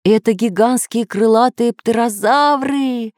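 A woman reading as an old, learned professor, lecturing with eager enthusiasm. Storybook voice, animated, in a dry, close room. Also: low voice, moderate pace, dry recording. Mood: elated.

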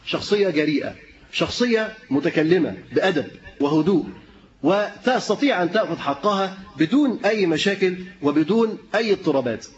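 Egyptian preacher, fast, high voice, quizzes his listeners; lo-fi dull recording. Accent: Egyptian Arabic. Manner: lively, questioning the room, chuckling often. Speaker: preacher teaching a class. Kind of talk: interactive lesson with audience.

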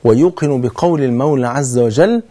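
A man with an Egyptian Arabic accent preaches a religious sermon earnestly, posing rhetorical questions and answering them himself while swearing oaths to stress his points. His mid-range voice is mellow and a little fast.

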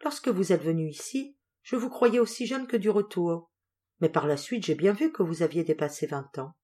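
A woman voicing a gentle middle-aged lady who employs seamstresses, with a soft, kindly, slightly hesitant manner. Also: fairly low pitch, animated, normal speed. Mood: gently curious.

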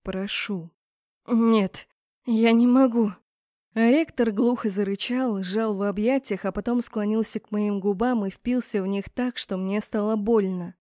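A woman narrating a first-person romance fantasy story in an expressive, dramatic reading. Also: medium pitch, moderate pace, few pauses, no room sound, clean studio sound. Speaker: audiobook narrator.

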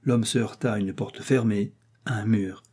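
Husky-voiced man narrating a novel. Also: lowish voice, steady tone, warm tone. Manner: measured, theatrical storytelling. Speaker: audiobook narrator. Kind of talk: dramatic audiobook reading.

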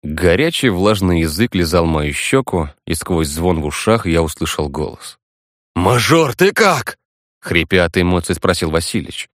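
A man narrating a first-person audiobook in a measured, matter-of-fact way. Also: low voice, no echo, clean studio sound.

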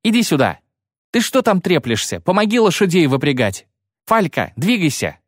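A man doing a brash, shouting bandit woman. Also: mid-range voice, big pitch swings, moderate pace, dry recording, clean studio sound, voice pushed up, lightly acted. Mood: impatient. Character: loud, brash female horse thief.

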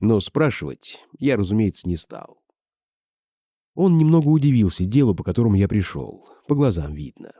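A man narrating a first-person audiobook in a measured, storytelling delivery. His voice sits low and is very dark and mellow, but his pitch moves in lively swings. The sound is close and dry. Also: no echo. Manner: measured, storytelling delivery that shifts into character dialogue.

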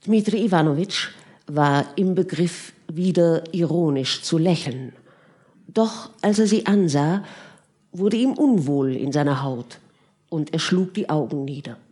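A woman narrates a novel in a calm, measured audiobook reading. She reads very slowly. Her voice sits on the low side. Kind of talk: scripted narration.

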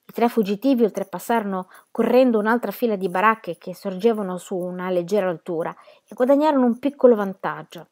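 Woman reading a novel out loud, steady, dramatic, middle pitch. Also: brisk, few pauses. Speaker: reader. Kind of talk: audiobook narration.

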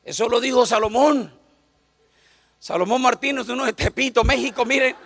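A man's voice: very high-pitched, normal speed, creaky, fairly bright tone. A man, preaching a joking sermon to a church congregation and often calling out to them for agreement. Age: 50s. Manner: joking, calls out to the audience with repeated "right?".

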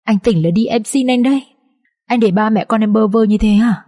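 Woman reader as tearful young wife, choked, begging, mellow voice lifted higher, storybook reading. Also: fairly quick, natural voice. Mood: tearful, pleading. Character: young wife weeping and pleading with husband.

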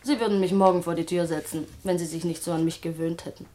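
A woman's voice: lowish voice, steady tone, quick pace, dark tone, lightly acted. Woman voicing a young companion, sulky, defensive, resentful, radio play.

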